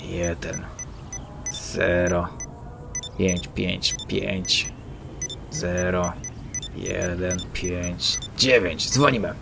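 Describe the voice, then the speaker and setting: A man's voice: low voice, fairly even intonation, drawn-out words, creaky, long pauses, music in the background. A man giving joking, mock-boastful commentary while playing a game. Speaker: gameplay commentator. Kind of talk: gameplay commentary. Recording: loud game sounds of engines and sirens.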